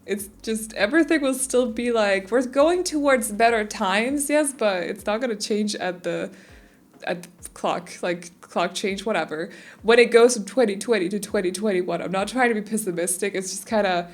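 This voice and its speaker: A woman's voice: mid-range voice, moderate pace. A woman, a bit stuffy after losing her voice, chatting casually and rambling through a voice-over for a game build. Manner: chatty, rambling, many fillers. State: stuffy, recovering from lost voice. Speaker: Sims speed build YouTuber.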